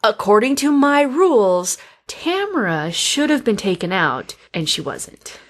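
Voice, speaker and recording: Chatty, expressive woman co-host. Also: medium pitch, unhurried. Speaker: podcast co-host. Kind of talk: casual movie review chat.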